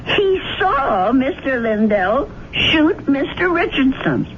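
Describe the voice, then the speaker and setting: An actress playing an anxious elderly landlady with a troubled conscience, fretful and halting, in a dramatic radio play style. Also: high-pitched, very animated, slight background noise, exaggerated voice. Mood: anxious, insistent. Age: older. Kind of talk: 1970s radio drama acting. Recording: dull old radio broadcast, loud music.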